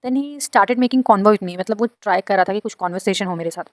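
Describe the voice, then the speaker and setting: A woman telling a personal story in a casual, dramatic way. She sounds indignant and adds lively asides to her listeners. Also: medium pitch, fairly quick, no echo.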